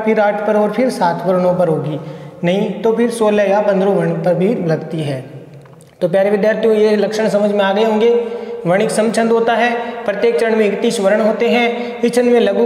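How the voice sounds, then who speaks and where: A male college lecturer with a high voice teaches poetry meter, explaining patiently step by step and counting syllables aloud. He sounds like he is in a hard, echoey room where his voice rings with a long reverb. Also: a little mellow. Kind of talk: recorded Hindi poetry lesson.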